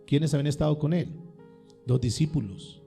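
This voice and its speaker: A man's voice: fairly high pitch, moderate pace, creaky, warm tone, soft background music. A male pastor preaching a sermon, firing questions at his congregation and repeating words for emphasis.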